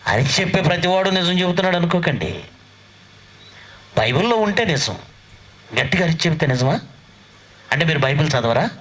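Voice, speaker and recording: A man preaching in a church with a bright, fairly high voice. He fires rhetorical questions at the congregation and scolds them. He slows right down for the scripture readings. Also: rough recording. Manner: reads scripture slowly and deliberately. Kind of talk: sermon.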